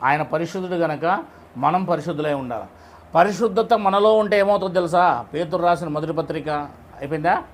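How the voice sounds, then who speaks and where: A man with a notably high voice gives a conversational sermon. He keeps turning to his listeners with rhetorical questions and tells stories in plain, everyday words. A faint noise hums softly underneath. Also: a little fast. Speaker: preacher leading a Bible study.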